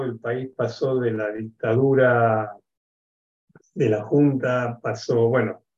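An Argentine education expert in his sixties joins an interview as a guest over a video call from his home office, speaking with an Argentine Spanish accent. He talks in a measured, reflective way with many hesitations, his mid-range voice a little mellow and the audio dull.

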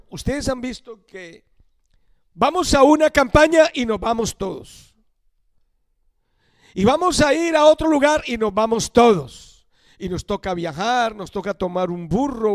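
Older guy preaching, high voice, emphatic, slows down and goes quiet on the big lines, dry sound. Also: lively intonation, dry recording. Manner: emphatic, slows and drops to a hush on key phrases. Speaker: missionary preacher. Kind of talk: sermon.

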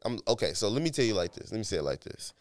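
A man's voice: lowish voice, big pitch swings, very fast, no echo, clean studio sound. A man co-hosting a podcast, debating sports casually in profane, argumentative slang. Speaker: podcast co-host.

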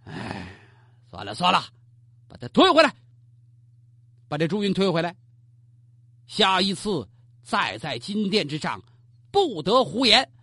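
A storyteller acting out a male emperor with a short fuse who barks his commands from the throne. The husky voice swings widely in pitch, recorded close and dry. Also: wildly swooping pitch, unhurried, long pauses, bright, forceful tone, dry recording, exaggerated voice. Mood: relenting. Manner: barking commands, rash. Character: quick-tempered ancient male emperor.

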